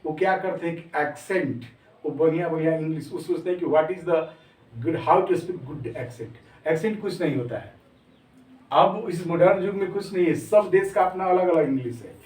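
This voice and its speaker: A man with an Indian English accent teaching spoken English, mixing Hindi with slow, deliberate English phrases. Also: a little high, darkish tone. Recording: echoey room, mic far off.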